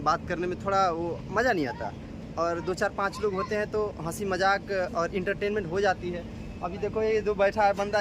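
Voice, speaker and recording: A man with a Bhojpuri accent chatting casually and teasingly to camera as a vlogger, often repeating himself. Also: sits high. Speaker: vlogger and shopkeeper. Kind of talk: casual vlog chat to camera. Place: at a shop in a market. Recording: noisy outdoor street ambience.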